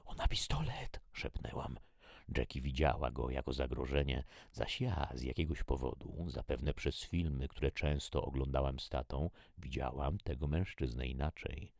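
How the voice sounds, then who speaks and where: A man reading a first-person story as an audiobook in a measured, even way. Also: very deep voice, creaky, dry recording, clean studio sound. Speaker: audiobook reader.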